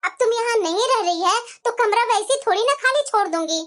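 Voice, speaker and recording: Brief: woman playing a bossy cartoon elder sister-in-law, taunting and high-voiced. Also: animated, fairly quick, a bit bright.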